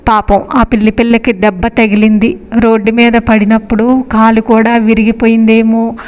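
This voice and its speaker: A woman's voice: on the high side, level tone, moderate pace, a little mellow, close to an everyday voice. A woman reading a story aloud, voicing a small girl who talks like a grown-up, with a long hall reverb. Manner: grown-up, matter-of-fact. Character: bossy little servant girl.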